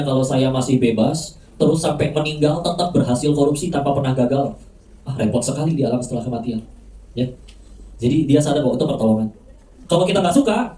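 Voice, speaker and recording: In a mosque hall, a man with a medium-pitched, dark voice delivers a lively, casual religious lecture full of jokes, conversationally asking the crowd questions and tagging lines with a frequent "ya." The hall is echoey and the mic is heard from a distance.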